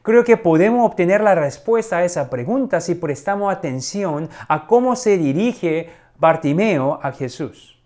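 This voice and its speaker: Slow, high-voiced man preaching. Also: expressive, a little mellow. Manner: slow, deliberate teaching with rhetorical questions. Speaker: pastor. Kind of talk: sermon.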